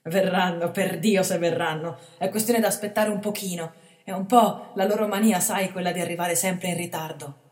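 A woman voicing a bold, stubborn bandit chief who mocks his young companion with calm defiance. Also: deep voice, a little fast, natural voice. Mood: teasing. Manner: gruff, mocking, calmly defiant. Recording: reverberant hall.

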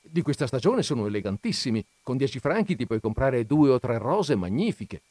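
A man voicing a modest, patient clerk who gently reassures his wife in a read-aloud story. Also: mid-range voice, big pitch swings, brisk, no room sound. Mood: coaxing.

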